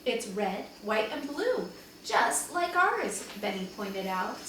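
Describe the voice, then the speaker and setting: A teacher reads a children's storybook aloud to second graders, animated and expressive, dramatizing the dialogue for her young listeners. Her voice is fairly high and she takes it slowly. The distant mic captures a very echoey room with faint background noise.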